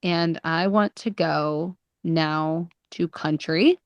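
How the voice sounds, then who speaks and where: Smooth, lower-voiced enthusiastic woman. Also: takes it slowly, no room sound, highs cut off. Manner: gushing, enthusiastic. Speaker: panelist in a theme park draft game. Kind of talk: casual chat.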